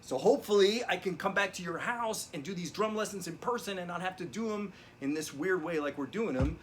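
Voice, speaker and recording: A man's voice: sits high, expressive, brisk, slight background noise. A man playing a down-on-his-luck drum teacher who rambles through a digressive, profane story during a remote lesson. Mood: rambling. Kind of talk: comedic character monologue. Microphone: video call lesson.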